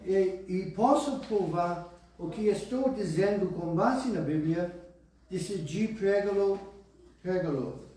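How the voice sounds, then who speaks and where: A pastor preaches a sermon in Portuguese with the accent of an English-speaking foreigner, reading scripture slowly and deliberately with small restarts. His high-sitting voice is expressive and mellow. Recorded in a roomy church hall, he sounds far off.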